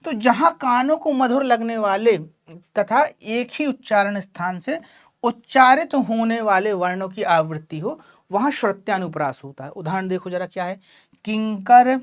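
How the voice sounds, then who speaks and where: A woman's voice: mid-range voice, normal speed. A woman teacher giving an online class lecture in Hindi, explaining patiently and checking in often with her students, whom she calls child. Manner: addresses students affectionately as child.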